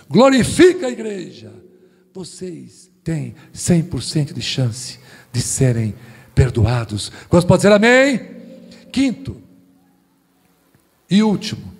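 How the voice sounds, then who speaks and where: A male pastor preaching a sermon in a church service, emphatic and rhetorical, moving between loud calls and hushed phrases. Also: fairly high pitch, gravelly, husky. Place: church sanctuary during a live service. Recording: long church-hall reverb.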